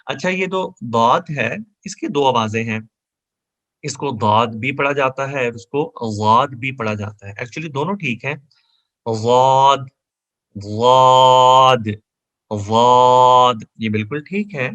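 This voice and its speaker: A man teaching an online Quran memorization lesson, who explains pronunciation step by step and then recites each verse in a slow, drawn-out chant. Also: mid-range voice, expressive, a bit bright, muffled recording.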